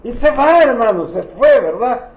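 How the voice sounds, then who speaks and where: A man's voice: extremely high pitch, animated, unhurried, a little mellow. A man preaching a sermon as pastor, retelling biblical stories with humor and acting out the characters. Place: church. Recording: echoey church hall.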